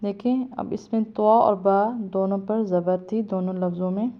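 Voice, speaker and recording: A woman with a Pakistani Urdu accent teaching Quran reading, spelling out letter sounds slowly and then explaining the rules quickly. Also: mid-range voice, steady tone, lo-fi sound. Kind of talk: step-by-step spelling lesson.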